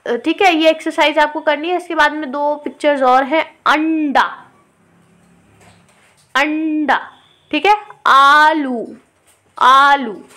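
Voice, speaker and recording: A woman teaching an online language lesson, patiently repeating words slowly and clearly for her learners and mixing in English words. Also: high voice. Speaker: Urdu teacher.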